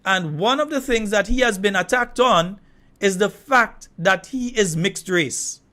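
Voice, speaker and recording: A high-pitched man from Trinidad who speaks. He hosts a call-in radio show. His commentary is animated and indignant, and he breaks into laughing asides. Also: a little slow. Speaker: radio talk show host.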